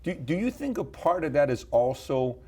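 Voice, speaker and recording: Male host from Iran; husky, darkish voice, pushes questions with energy. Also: a little high, moderate pace. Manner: probing, animated questioner. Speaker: host, interviewer. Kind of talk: interview questions.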